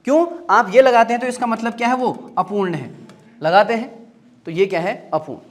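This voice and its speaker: High-voiced man drilling a grammar lesson. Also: a little fast. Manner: drills by asking and answering his own questions; repeats key terms, checks understanding often. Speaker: Hindi teacher.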